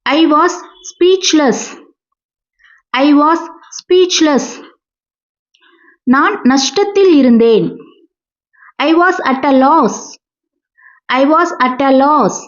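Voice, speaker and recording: A woman teaching English, reading each sentence and repeating it slowly and with careful enunciation. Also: high-pitched, expressive. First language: Tamil. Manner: slow, deliberate, clearly enunciated repetition. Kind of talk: language lesson, sentences read and repeated. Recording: dull lo-fi recording.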